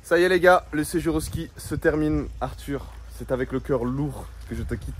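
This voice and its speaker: A man's voice: fairly high pitch, moderate pace. A man in his twenties chatting casually to camera outdoors as a vlogger, informally addressing viewers as mates. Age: 20s. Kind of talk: casual vlog chat to camera. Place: outdoors at a ski resort. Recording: faint outdoor background noise.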